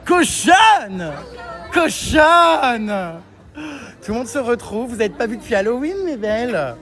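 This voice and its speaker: A man hosting a vlog, giving excited commentary indoors in museum rooms, with exuberant, theatrical exclamations. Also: very high voice, fast, a faint crowd. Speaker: vlog host.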